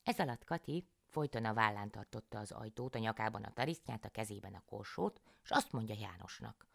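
A woman reading a folk tale aloud as a bedtime story, calm and measured, close to the microphone. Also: rumbling low, vocal fry, no echo.

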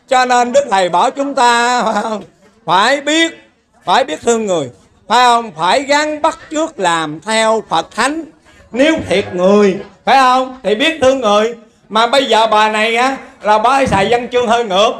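A man preaching in a folksy way with a Southern Vietnamese accent. His voice sits extremely high for a man. He tells homely stories and keeps turning to the audience for a nod of agreement. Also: fairly bright tone. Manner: storytelling, keeps asking the listeners for agreement. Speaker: lay preacher. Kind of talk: folksy sermon.

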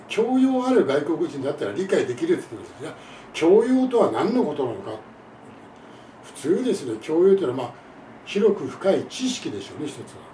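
A man with a high, lively voice that swoops up and down, speaking as an English teacher in an indignant, scornful monologue. His tone is mellow and dark-timbred. He sounds set back from the mic in a reverberant room with faint background noise. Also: far from the mic. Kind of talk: monologue lesson and complaint to camera.

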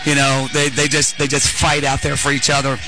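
A woman's voice: extremely low pitch, monotone, fairly quick, over music, rough recording. A middle-aged woman coach in a postgame radio interview, talking in a rambling way full of fillers and restarts on a headset mic. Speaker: women's basketball head coach. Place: courtside in an arena.

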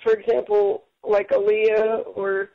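Gravelly-voiced upbeat male radio host. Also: high voice, completely flat delivery, slow, muffled recording. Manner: upbeat, full of praise. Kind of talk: casual radio interview.

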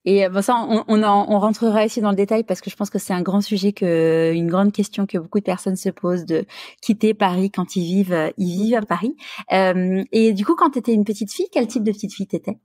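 A woman's voice: medium pitch, fairly quick, darkish tone, dry recording, studio quality. A woman hosting a French podcast who asks her guest questions in a friendly, encouraging way. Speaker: podcast host. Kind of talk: podcast interview.

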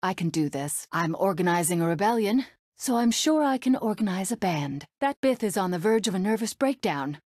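A woman voicing a brave, sardonic young rebel princess in a video game, with a crisp, resolute and dryly sarcastic manner. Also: medium pitch, expressive, a little fast, a little mellow, no room sound, studio quality, close to an everyday voice.

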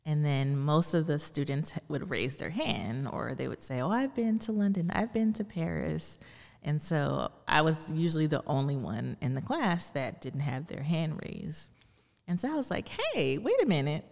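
Speaking at a moderate pace, this middle-aged Houston curator has a low, darkish voice with vocal fry and a sing-song lilt as she gives relaxed, conversational answers as an interview guest. She records indoors at an art gallery on a close podcast mic mounted on a boom arm, wearing headphones, and the gallery adds reverb.

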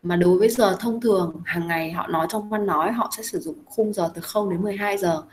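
A woman's voice: medium pitch, a little fast, darkish tone, slight background noise, low-quality recording. A young adult woman teaching English, explaining a lesson and coaxing students with repeated questions.

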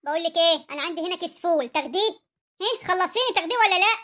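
A woman's voice: extremely high pitch, animated, very fast, sharp tone, full character voice. A woman voicing a rude, impatient young daughter-in-law in an Egyptian cartoon story, snappy and dismissive, with an Egyptian accent.

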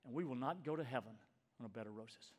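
A man in his sixties preaching a sermon as pastor, emphatic and swinging from loud urging down to hushed near-whispers. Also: mid-range voice, fast talker. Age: 60s. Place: church sanctuary. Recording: long reverb of a church hall.

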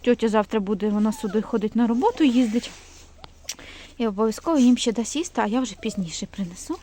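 A woman rescuing a stray dog and puppies, narrating quickly and nervously while filming on her phone outdoors by a forest, slipping into high baby talk with the dogs. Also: expressive, warm tone, slight background noise. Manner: talks fast when nervous. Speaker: animal rescue volunteer. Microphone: phone camera held while filming.

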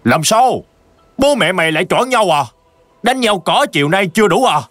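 A man's voice: mid-range voice, sing-song, fairly quick, fairly bright tone, no room sound, faint music behind, pitched above the performer's own voice. A man voicing a stern old village grandfather who barks brusque, scolding commands, in a storybook horror reading. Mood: gruff.

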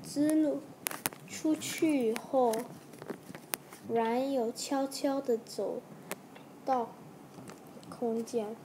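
Woman teacher reading a story for learners. Very slow and deliberate, with audible background noise. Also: high voice, steady tone. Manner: slow, halting, carefully paced reading.

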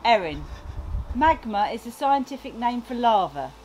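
High-voiced woman reading quiz questions. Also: sing-song, moderate pace, noisy background.

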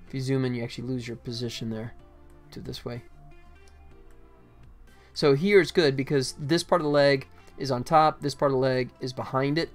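A man's voice: mid-range voice, normal speed, soft background music. A middle-aged man gives casual live commentary as a game developer, thinking aloud in short fragments. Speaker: game developer livestreaming his work.

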